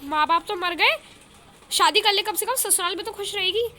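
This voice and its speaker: A woman voicing a harsh mother who loudly scolds her son and her sister. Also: very high voice, expressive, normal speed, slight background noise, pitched above the performer's own voice, full character voice. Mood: angry scolding. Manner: loud, shouting insults.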